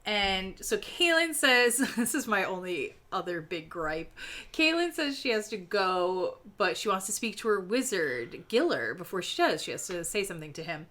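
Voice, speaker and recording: Bright-voiced animated woman podcaster. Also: mid-range voice, normal speed. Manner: animated, swears, laughs often, acts out quotes. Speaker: podcast co-host. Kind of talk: casual book discussion.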